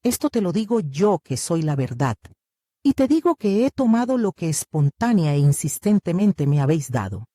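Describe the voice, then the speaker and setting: An audiobook narrator reading the lines of a serene male spiritual teacher who speaks in a calm, firm and measured way. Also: mid-range voice, no echo, clean studio sound.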